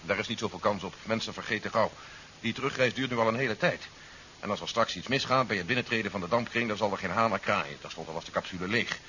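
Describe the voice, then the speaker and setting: General Stevens, crisp, bright-voiced and resolute. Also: male voice, lowish voice, fast. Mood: firm, persuasive. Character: resolute, coolly calculating male army general. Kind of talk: 1970s science fiction radio play acting. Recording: dull 1970s radio recording with hiss.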